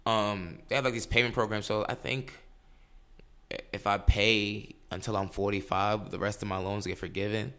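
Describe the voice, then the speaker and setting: A man in casual chat, telling stories in a loose, profane, animated way. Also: fairly low pitch, normal speed.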